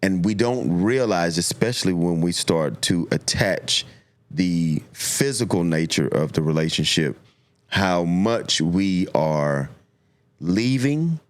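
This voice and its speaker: Deep voiced middle aged guy, real slow n deliberate, reflective advice chat, repeats stuff for emphasis. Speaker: talk show speaker giving relationship advice. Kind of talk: reflective conversational advice talk.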